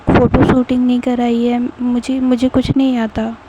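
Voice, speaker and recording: A woman's voice: on the high side, level tone, moderate pace, very noisy, natural voice. A woman voicing a nervous, shy young woman who stammers and hesitates.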